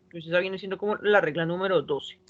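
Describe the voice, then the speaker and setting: A woman's voice: lowish voice, quick pace, dull audio, slight background noise. A woman teaching an online English class, patiently explaining a rule and checking in with students.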